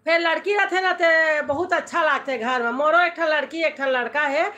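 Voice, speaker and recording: A woman's voice: high-pitched, normal speed, sharp tone. A middle-aged woman with a Chhattisgarhi accent, hosting a casual live stream from home, chatting with viewers and reading out their comments. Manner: chatty, switching between Hindi and dialect, reading out comments.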